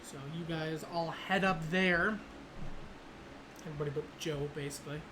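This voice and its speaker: A man's voice: a little high, steady tone, moderate pace. A man narrating a tabletop game as game master, with a loose delivery full of fillers. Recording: noisy background.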